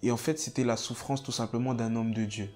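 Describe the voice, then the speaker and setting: A man giving a personal testimony in church, halting and repeating himself with many fillers. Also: medium pitch, steady tone, darkish tone, soft background music.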